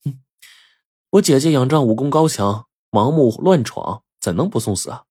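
A man's voice: mid-range voice, expressive, normal speed, a little mellow, husky, pitched above the performer's own voice. A man voicing a young son who seems a layabout but is secretly clever, speaking coolly and bluntly. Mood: cold. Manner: cool, blunt, matter-of-fact.

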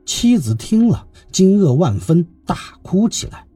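A male storyteller reads a classical tale with a very lively, swooping melody. His voice is dark and husky, recorded close and dry, and faint music plays beneath him. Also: sits high, measured pace, no room sound. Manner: lively expressive reading. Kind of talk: scripted narration of a classical tale.

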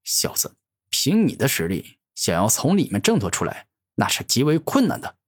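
A man's voice: mid-range voice, wildly swooping pitch, moderate pace, breathy edge. A man voicing an arrogant, furious male monster warlord who growls angry threats in a fantasy audio story. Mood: boastful.

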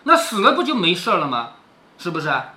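A man talking through a classic novel for his daughter, pausing to explain old words and tossing in rhetorical questions as he goes. His voice is bright and clear, and his pitch rises and falls a great deal. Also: wildly swooping pitch. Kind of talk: explanatory storytelling.

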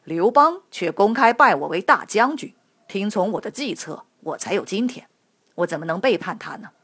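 Woman reading as a firm loyal general, husky storybook voice. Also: medium pitch, moderate pace. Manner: steady, firm refusal.

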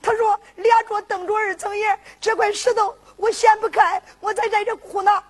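A woman's voice: extremely high pitch, steady tone, moderate pace. A woman with a Henan accent voicing a distressed young woman who pleads tearfully for her brother, in a zhuizi storytelling performance. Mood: pleading.

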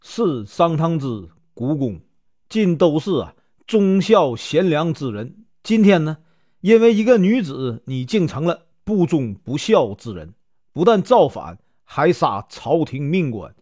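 A man's voice: on the high side, very animated, unhurried, a little mellow. A man doing a furious old general father. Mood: angry scolding. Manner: scolding, indignant.

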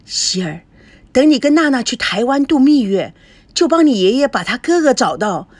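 A woman's voice: medium pitch, lively intonation, unhurried, no room sound. A woman reading an audiobook, voicing an eager, fond elderly grandmother.

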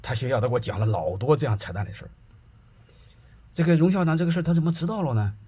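Husky-voiced middle-aged male storyteller, chatty and colloquial, keeps checking in with the audience. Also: a little high, expressive, very fast, warm tone. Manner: chatty, colloquial, often checks that listeners follow. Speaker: speaker telling anecdotes.

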